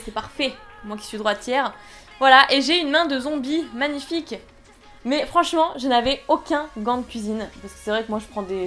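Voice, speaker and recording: A woman's voice: a little high, fairly bright tone. A young woman chatting casually through an unboxing, rambling and giggly, poking fun at herself. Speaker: unboxing vlogger.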